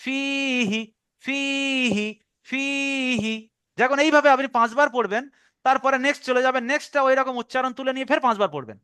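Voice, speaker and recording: A man's voice: very high-pitched, racing, sharp tone, clean tone, no echo. A man teaching a Quran reading class over an online call, drilling pronunciation by repeating words.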